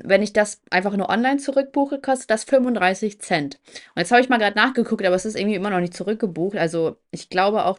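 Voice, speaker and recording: A woman podcast host in casual chat, telling stories in a lively, slangy way. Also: mid-range voice. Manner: lively, chatty anecdote-telling with colloquial slang.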